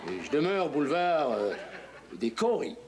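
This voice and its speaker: An actor playing a fussy, bewildered chef from France, with a French accent, polite and hesitant in a sitcom scene. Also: male voice, on the high side, big pitch swings, normal speed. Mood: puzzled. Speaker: hired chef. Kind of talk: 1970s sitcom acting. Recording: old TV audio, hiss, laugh track.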